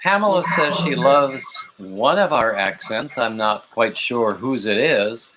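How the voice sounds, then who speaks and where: A man with a medium-pitched voice hosts a livestream, chatting casually at an unhurried pace. The audio is rough, with steady, noticeable background noise.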